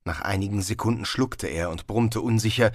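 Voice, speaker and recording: A man narrating an audiobook in a dry, measured storytelling manner. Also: on the low side, no echo. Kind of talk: scripted narration.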